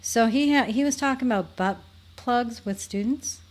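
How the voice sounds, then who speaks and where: With a fairly high voice at a moderate pace, this Minnesotan-accented woman hosts a show, talking to viewers in a loose, rambling way that tends to trail off.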